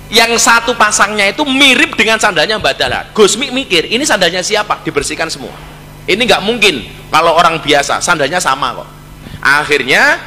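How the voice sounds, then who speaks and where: A man with a Javanese accent gives a joking, story-filled sermon in a voice that is high and very bright. His words ring out with a long reverb behind them, and he keeps mixing in Javanese. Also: slight background noise. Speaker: preacher. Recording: hall reverb.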